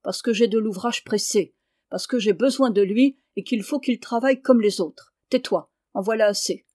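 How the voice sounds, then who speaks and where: Woman reading a gruff scolding peasant father. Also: medium pitch, normal speed, warm tone, lightly acted. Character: stern harsh peasant father, middle-aged man.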